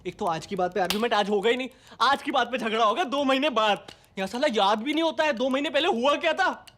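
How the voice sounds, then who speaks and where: A man's voice: very high voice, quick pace, fairly bright tone, a little hiss or hum. An actor playing an exasperated young man who sarcastically rants to a friend in a film monologue. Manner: ranting, sarcastic, venting to a friend. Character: exasperated young man ranting about women.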